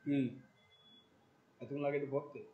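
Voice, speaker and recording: A man, teaching a class. He talks in a colloquial, animated way, firing questions at the students. He drops English terms into his explanations. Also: fairly high pitch, moderate pace, phone-quality sound, slight background noise. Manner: questions the class often, mixing in English words. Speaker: marketing instructor. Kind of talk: classroom lecture.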